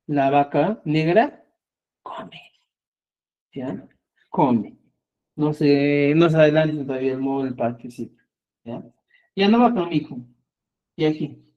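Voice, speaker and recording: Man, language teacher, online lecture, patient, frequently checks understanding, slightly high voice, dull lo-fi recording. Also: warm tone.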